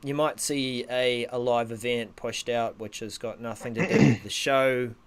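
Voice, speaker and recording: A man's voice: medium pitch, fairly even intonation, measured pace, clear, resonant tone. A man co-hosting a casual tech show, hesitant and thinking aloud. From New Zealand. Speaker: co-host of a live tech show. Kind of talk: casual unscripted tech chat. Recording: noisy, rain drumming on roof behind. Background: heavy rain on the roof.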